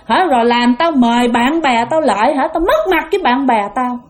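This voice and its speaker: A woman's voice: sits high, lively intonation, moderate pace. A woman voicing the angry ghost of an old father, scolding in a Southern Vietnamese accent. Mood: furious scolding. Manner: scolding, shouting insults.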